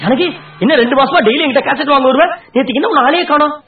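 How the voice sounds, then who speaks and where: A sarcastic video shop owner. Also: male voice, very high voice, distant mic, soft background music. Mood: puzzled. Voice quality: sarcastic, quick-witted. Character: wisecracking male video shop owner, teasing. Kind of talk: comedy film dialogue. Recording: tinny lo-fi echoey film audio.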